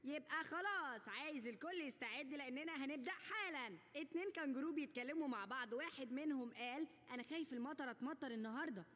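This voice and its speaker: Excitable high-pitched cartoon boy comedian. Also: fast, few pauses. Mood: earnest. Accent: Egyptian Arabic. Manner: excitable, earnest. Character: eager boy comedian, boastful yet sensitive. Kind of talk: animated cartoon dub acting. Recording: music behind the voice.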